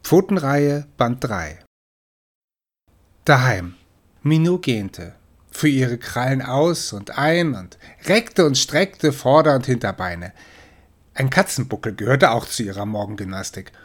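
A man reading a children's animal story aloud in a measured way. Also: medium pitch, expressive. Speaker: audiobook reader. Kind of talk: storybook narration.

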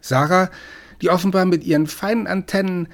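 A man narrating an audiobook in a measured, expressive reading style. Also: sits high. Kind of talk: scripted narration.

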